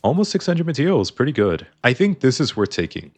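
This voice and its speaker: A man's mid-range voice, very animated and brisk, narrates his video game play with faint music behind. He's a gaming YouTuber, chatty and explaining his choices, with a slightly strained voice.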